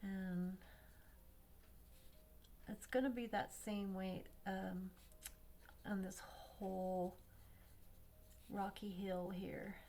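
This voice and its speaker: A woman's voice: medium pitch, extremely slow, long pauses, slight background noise. Woman narrating a coloring demo, thinking aloud. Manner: relaxed, thinking aloud, drops to near-whispers at times. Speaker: craft tutorial host.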